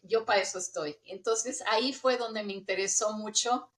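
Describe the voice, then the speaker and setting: A middle-aged American woman, an intercultural trainer, speaks as a guest in a conversational interview. She is chatty and laughs easily, with a hybrid Spanish accent often taken for Argentine. Her mid-range voice is a bit bright and moves at a moderate pace.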